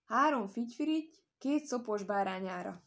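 Woman doing a lively trickster hare. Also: a little high. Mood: playful sly. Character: clever quick-witted little male hare.

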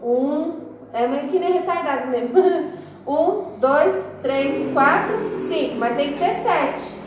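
A woman's voice: high-pitched, animated, takes it slowly, recorded from a distance, noisy background. A woman teaching a class, explaining step by step and counting syllables aloud. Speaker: schoolteacher. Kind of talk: classroom instruction. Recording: echoey room, recorded from afar.

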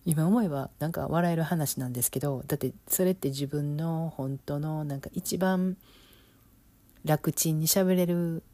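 A middle-aged woman with an Osaka accent, speaking reflectively in a casual monologue, with lots of fillers and soft laughs. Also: low voice, moderate pace. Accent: Osaka Kansai Japanese. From Osaka, Japan. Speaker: business coach, podcast host.

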